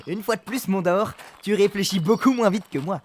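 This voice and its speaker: An actor playing an excitable, boastful villain boss in a comic audio drama, theatrical and swinging between chatty and gloating. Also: medium pitch, unhurried, a little hiss or hum, natural voice. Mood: smug. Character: excitable, boastful cartoon villain boss, cruel yet petty.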